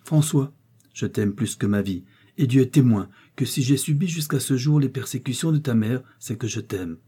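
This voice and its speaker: A man's voice: mid-range voice, moderate pace, mellow, breathy edge, pitched above the performer's own voice, natural voice. A man reading the part of a young miller's wife who defies her cruel mother-in-law, speaking with heated, trembling defiance. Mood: impassioned.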